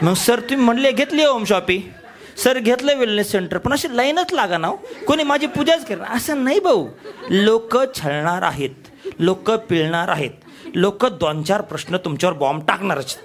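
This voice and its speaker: A man giving a motivational sales training talk, energetic and full of rhetorical questions to his audience. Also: high voice. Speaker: business trainer.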